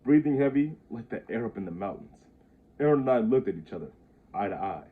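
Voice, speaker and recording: A man's voice: medium pitch, lively intonation, brisk. A man in his twenties casually reading aloud his own handwritten story, stumbling over the words and chuckling at himself. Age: 20s. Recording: tinny phone-like audio.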